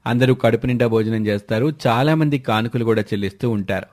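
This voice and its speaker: A man's voice: on the low side, fast, a little mellow. A man narrating a folk story in a scripted storyteller's lilt.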